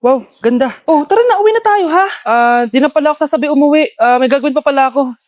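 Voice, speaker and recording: A woman performing short comedy skits and playing every role herself, switching between shrill and low character voices. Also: fast, darkish tone. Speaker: comedy skit creator playing every part. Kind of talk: comedic skit acting with many characters.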